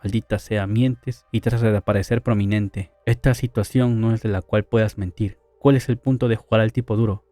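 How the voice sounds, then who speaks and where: A man's voice: on the low side, steady tone, normal speed, few pauses, dark tone, dry recording, natural voice. A man reading the lines of a brash young man who calls out a liar, in a blunt, confrontational manner.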